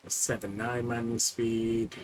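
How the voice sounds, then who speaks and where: A man's voice: mid-range voice, level tone, measured pace, a little hiss or hum, poor audio. A man casually commenting on his own gameplay, rambling and talking to himself with frequent fillers. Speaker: streamer.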